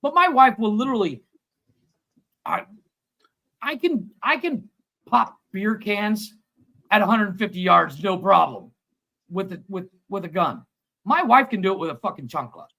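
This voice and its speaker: High, lively man telling crude stories. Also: a little slow, gravelly, long pauses. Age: 40s. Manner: crude animated storytelling. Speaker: co-host. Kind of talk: casual chat.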